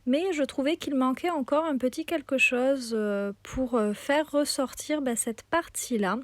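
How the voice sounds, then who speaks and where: A woman's voice: sits high, a little slow, no room sound. A woman hosting a craft tutorial in a casual voice-over, chatty and enthusiastic, with lots of hesitant fillers. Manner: hesitant, frequent "euh" fillers. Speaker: craft video host.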